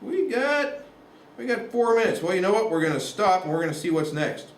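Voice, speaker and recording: A man teaching a high school statistics lecture over slides, animated and exclamatory, with playful asides. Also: a little fast, noisy background. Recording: echoey room, voice from far off the mic.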